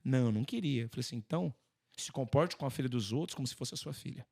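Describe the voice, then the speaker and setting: Brazilian priest telling animated stories. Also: male voice, medium pitch, fast, creaky, breathy edge. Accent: Brazilian Portuguese. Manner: animated, acts out dialogue in quoted voices. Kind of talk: conversational storytelling in an interview.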